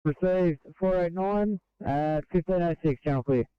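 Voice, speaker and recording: Male emergency dispatcher: higher-pitched, very crisp, formal read-backs, slightly dull two-way radio sound. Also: normal speed, no room sound. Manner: formal, repeats messages back. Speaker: fire communications dispatcher. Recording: dry, muffled radio dispatch audio.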